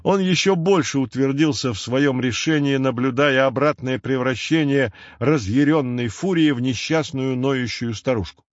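A man narrating a fairy tale audiobook with expressive storytelling. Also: mid-range voice, normal speed, hardly any pauses, no echo. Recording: dull lo-fi dry recording.

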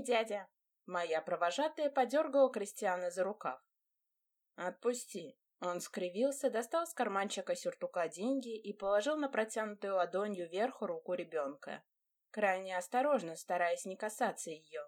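A woman reading a first-person audiobook in an expressive storytelling manner. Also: medium pitch, normal speed. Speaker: audiobook narrator.

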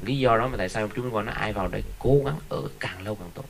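A man's voice: fairly low pitch, fast talker, creaky, slight background noise, low-quality recording. A man teaching as a Buddhist monk in a conversational dharma talk, telling stories and often asking his listeners if they follow.

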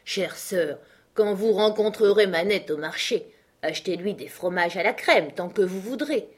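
A woman's voice: medium pitch, moderate pace, husky, natural voice. A woman reader voicing a carefree, swaggering young man who answers his sister with mock politeness. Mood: mock-polite, airy. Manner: airy, mock-polite, sing-song.

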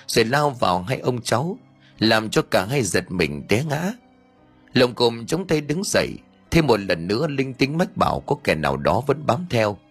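A man's voice: lowish voice, slightly rough. A man narrating a scripted ghost story in a dramatic, tense storytelling manner.

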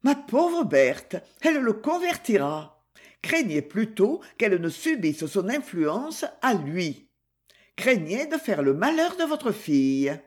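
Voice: medium pitch, big pitch swings, a little mellow, natural voice. A reader voicing a grave, pious mother. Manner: measured, slightly ironic. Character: grave, pious older mother, gently severe. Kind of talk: audiobook character reading.

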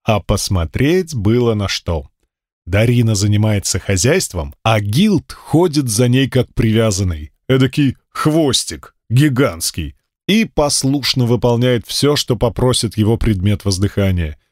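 A man reading a first-person fantasy audiobook in a steady, measured storytelling voice. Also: fairly low pitch, no echo, studio quality. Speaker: audiobook narrator.

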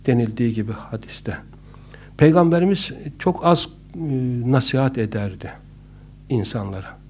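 A man's voice: mid-range voice, lively intonation, moderate pace, a little mellow, slight background noise. A man giving a casual, instructive talk on public speaking, conversational and joking, with frequent hesitant fillers. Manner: conversational, with humorous asides and many hesitant fillers.

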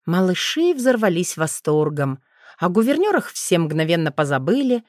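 A woman narrating a first-person audiobook in a steady, expressive storytelling manner. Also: lowish voice, normal speed, dry recording, studio quality.

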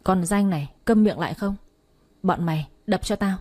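A swaggering male thug boss from a storybook, crude and menacing, spitting out threats, as a woman narrator puts him on. The voice stays mellow and husky. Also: medium pitch, moderate pace, natural voice.

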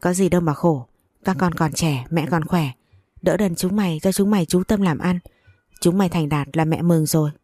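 A woman voicing a caring, thrifty older mother who scolds gently. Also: fairly low pitch, normal speed, no echo, clean studio sound, natural voice. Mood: kindly.

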